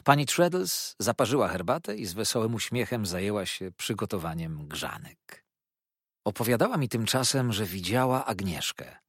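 A man narrating a classic novel as an audiobook, in measured, expressive storytelling. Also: fairly low pitch, breathy edge, dry recording, clean studio sound.

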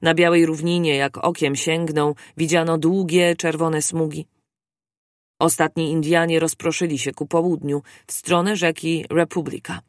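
Steady audiobook narrator, dry sound. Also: mid-range voice, normal speed, no echo. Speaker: audiobook reader. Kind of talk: scripted narration of a classic novel.

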